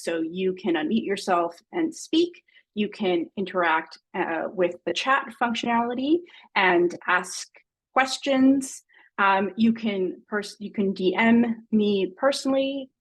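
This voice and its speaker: A woman from Mexico hosting an online webinar over a video call, punching key words up high and then dropping soft. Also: slightly rough, low-quality recording. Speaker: webinar host.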